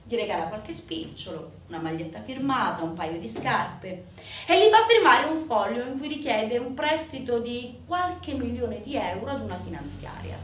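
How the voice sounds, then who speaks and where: The voice is a little high and fairly bright: an actress in a one-woman stage show, playing an indignant, sardonic narrator who denounces organized crime with emphatic rhetorical questions aimed at the audience. Captured from a distance in a roomy space, the recording has faint noise.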